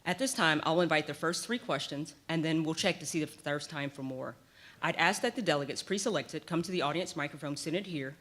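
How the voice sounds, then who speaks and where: A man moderates a conference session in a clear, courteous way. His voice sits a little higher than most men's, and he reads out the procedure in an orderly, formal manner. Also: a little fast, pushed and bright. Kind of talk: formal announcements.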